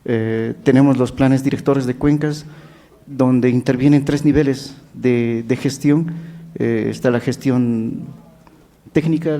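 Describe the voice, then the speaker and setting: A man talks on a conference panel in a dark, mellow voice at a mid pitch. He moves haltingly through lists and hesitates often between items. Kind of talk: panel discussion remarks.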